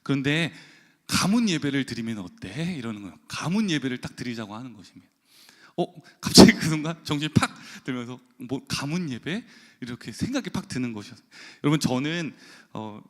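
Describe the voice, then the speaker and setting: A man's voice: medium pitch, animated, quick pace. A man preaching a sermon, telling a personal story with acted-out quotes and occasional laughs. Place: church sanctuary. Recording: long church hall reverb.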